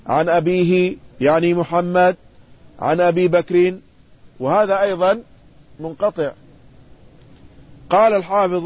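Guy teaching a hadith class, reads a line then explains it, asks the class questions, voice a bit high, sound kinda dull. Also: darkish tone. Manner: reads quoted text then explains, quizzes students. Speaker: Islamic scholar teaching hadith. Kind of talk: classroom lesson reading and explaining a text.

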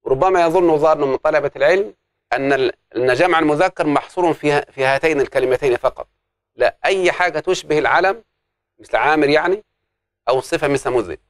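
A man's voice: fairly high pitch, quick pace, dry recording, clean studio sound. A man teaching an Arabic grammar lesson, explaining step by step and putting questions to the class that he answers himself.

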